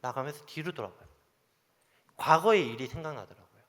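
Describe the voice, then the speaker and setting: A male pastor with a Gyeongsang accent, preaching a sermon and telling stories in an animated way, acting out the dialogue. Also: on the high side, a little fast. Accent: Gyeongsang Korean. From Gyeongsang region, Korea. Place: church sanctuary. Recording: long church hall reverb.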